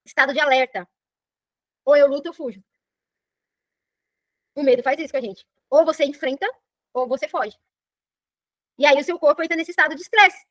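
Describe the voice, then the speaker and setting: A middle-aged personal development coach from Brazil, with a Brazilian Portuguese accent, teaches a live online class at a very fast clip in a high voice. She's animated and keeps checking in with "entendeu?". Her voice sounds dry and close, with no room sound.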